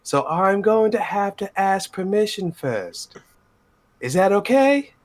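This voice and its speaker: A man playing a chatty bard in a tabletop game who talks loud and slow, drawing out his words. He sits high in his voice and swings up and down a lot. The effect is breezy and cheeky. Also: sing-song, full character voice. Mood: cagey. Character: cheeky chatty male bard calling everyone mate.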